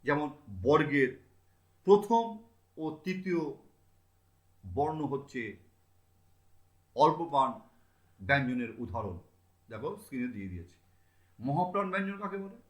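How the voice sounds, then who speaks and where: A man's voice: mid-range voice, expressive, moderate pace, pauses often, fairly bright tone. Man teaching phonetics in an echoey room. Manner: asks students questions and answers them himself, repeats definitions; sounds out letters one by one. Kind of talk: classroom grammar lesson.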